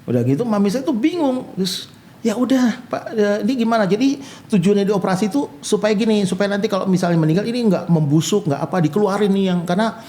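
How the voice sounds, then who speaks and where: A man's voice: high-pitched, fast talker, few pauses. A male pastor, telling his own life story in an interview and acting out the voices of people he quotes. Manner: animated storyteller who acts out quoted voices.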